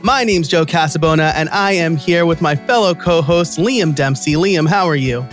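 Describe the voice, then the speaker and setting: A man's voice: on the high side, moderate pace, fairly bright tone, soft background music. A man with a New York accent hosting a podcast, upbeat and enthusiastic, laughing easily. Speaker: podcast host. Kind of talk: casual podcast chat.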